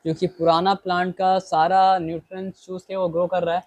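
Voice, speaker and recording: A man's voice: high-pitched, little pitch movement, a little mellow, dry recording, poor audio. Man teaching biology with rhetorical questions. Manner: explains in Hindi mixed with English, reads English lines slowly; keeps asking rhetorical questions. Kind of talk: bilingual biology lesson.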